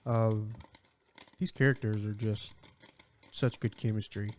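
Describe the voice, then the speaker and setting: A man's voice: on the low side, fairly even intonation, measured pace, darkish tone, slight background noise. A man co-hosting a casual movie-review podcast, easygoing and full of fillers like "uh" and "you know.". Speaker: podcast co-host.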